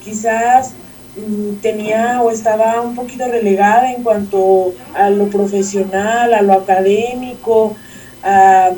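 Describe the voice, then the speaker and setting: Woman thinking out loud, mellow voice, kinda far from the mic with some hiss. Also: mid-range voice, steady tone. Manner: reflective, halting with many restarts. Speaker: guest. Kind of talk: casual chat. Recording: distant mic with faint noise.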